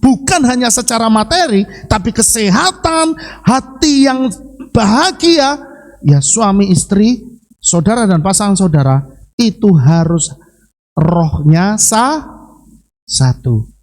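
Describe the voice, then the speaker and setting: A man's voice: takes it slowly, pauses often. Javanese-accented male pastor preaching. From Central Java, Indonesia. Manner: lively preaching with rhetorical questions and sudden drops in pitch. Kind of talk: sermon.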